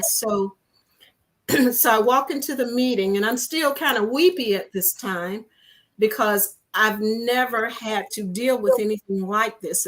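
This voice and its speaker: A woman, an interview guest, telling a personal story in a lively way and often repeating "I said" as she recounts conversations. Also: medium pitch, poor audio. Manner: animated, repeats "I said" as she retells dialogue.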